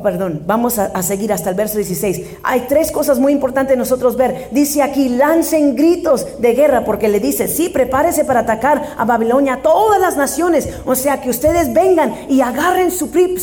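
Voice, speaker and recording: A woman's voice: high-pitched, warm tone. A woman pastor preaching a sermon, slipping between Spanish and English and checking in with the congregation, raising her voice for emphasis. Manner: switches between Spanish and English mid-sentence, frequent "¿verdad?"; emphatic, raises voice on scripture calls.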